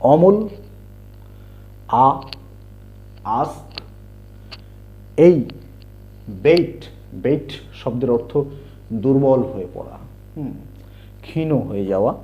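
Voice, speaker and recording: A man teaching English letter sounds, spelling words out and repeating the sounds slowly. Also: medium pitch, lively intonation, warm tone. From India. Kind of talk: slow explanatory lesson. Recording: dull lo-fi home recording.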